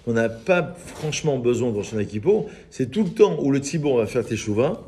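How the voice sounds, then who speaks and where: A man, a rabbi giving an informal, lively Torah lesson and joking with his small group of listeners. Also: mid-range voice, a little fast, a little hiss or hum. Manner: lively, teasing, chats with listeners. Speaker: rabbi teaching a class.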